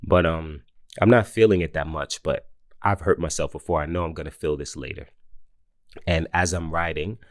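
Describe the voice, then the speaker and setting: A man in his forties telling a casual personal story, animated, often laughing and mimicking others in high voices. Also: moderate pace, dry recording, clean studio sound. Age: 40s. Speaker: host.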